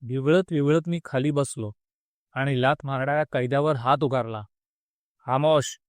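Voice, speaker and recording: A man narrating a story in an expressive reading that acts out the dialogue. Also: mid-range voice, moderate pace, no echo.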